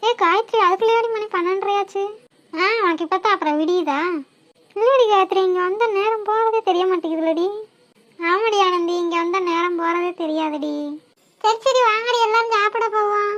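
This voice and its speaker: A woman's voice: extremely high pitch, normal speed, dull audio. A woman voicing chatty young village women in a cartoon, teasing and bossy. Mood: cheerful. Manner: lively, teasing, bossy banter. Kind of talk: cartoon voice acting.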